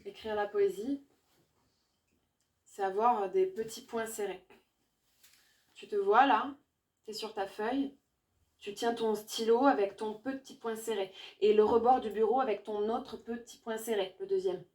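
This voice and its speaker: A poet, a woman, giving a live reading of her poetry in a rhythmic, repetitive way, her voice swinging from loud bursts to hushed lines. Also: mid-range voice, fairly even intonation, measured pace, pauses often. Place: small indoor venue.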